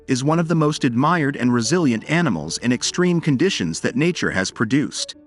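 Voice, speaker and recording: A man narrates in the style of a nature documentary. His mid-pitched voice moves with plenty of melodic variation while keeping a formal, explanatory delivery. Music plays faintly behind him. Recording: background music under voice.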